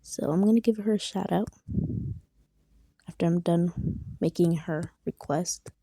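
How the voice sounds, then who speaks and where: Here a young woman who creates drawing videos chats casually during her drawing, her soft voice often dropping to a whisper as she runs herself down. She speaks a little slowly, with a lowish, breathy tone. There is no room sound.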